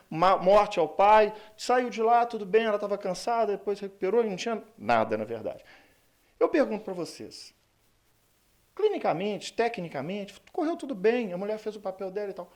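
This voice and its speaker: A high-voiced man talks fast and loosely at a conference, self-mocking and full of fillers. He is a lawyer from Brazil speaking to a hall. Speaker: lawyer giving a conference talk. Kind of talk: conference talk.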